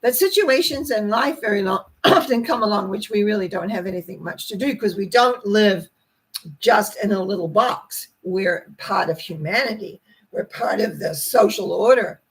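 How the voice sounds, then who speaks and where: Croaky and hoarse after a treatment, an older tarot reader and spiritual teacher hosts an informal talk to camera, clearing her throat as she goes. Her medium-pitched voice is animated and moderately paced, and she explains folksily with rambling asides, though the audio is poor.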